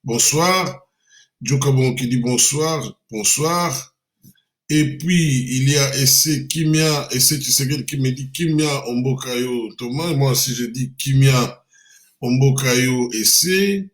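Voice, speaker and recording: A man hosting a live Q&A, slowly reading out viewers' names and greeting and blessing them. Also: medium pitch. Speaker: livestream host greeting viewers.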